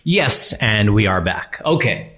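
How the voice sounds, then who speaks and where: A man's voice: lowish voice, big pitch swings, slow pace, fairly bright tone. A man in his thirties hosting a podcast, talking casually and answering a listener in a chatty, slangy way. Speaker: podcast host and comedian.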